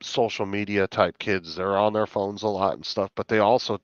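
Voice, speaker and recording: A middle-aged man with a fairly low voice talks casually and bluntly, swearing freely as he rants. The sound is muffled and carries clear room echo. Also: fairly even intonation, moderate pace. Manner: blunt, heavily profane ranting. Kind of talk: casual chat.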